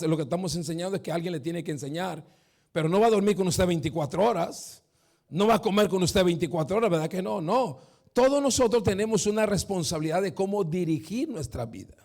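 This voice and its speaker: A man preaching a sermon as a pastor. He keeps asking "¿verdad?", calls the crowd "mi hermano" and builds up to shouting. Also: high voice. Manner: emphatic, peppered with "¿verdad?" and "mi hermano".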